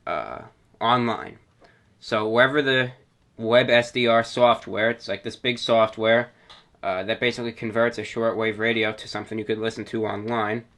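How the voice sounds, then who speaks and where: The host of a radio hobby show talks informally to his listeners, explaining things step by step in a didactic way. His voice is mid-range and a bit bright.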